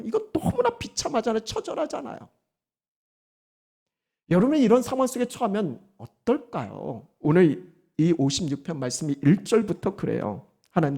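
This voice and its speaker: A woman pastor giving a Sunday sermon, animated and firing rhetorical questions at the congregation. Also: mid-range voice, husky.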